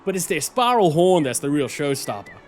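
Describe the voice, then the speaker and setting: A man's voice: a little high, sing-song, a little fast, darkish tone. A man performing as a chummy, adventurous Australian nature documentary presenter, colloquial and enthusiastic. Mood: relieved, delighted. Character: cheerful, adventurous Australian male wildlife presenter. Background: music.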